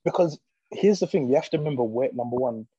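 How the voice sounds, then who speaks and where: Husky, mellow London man, slangy. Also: medium pitch, lively intonation, fast talker, dry recording, dull audio. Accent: London, urban street slang. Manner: emphatic agreement, repeats words for emphasis. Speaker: podcast co-host. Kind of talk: casual banter about TV and film.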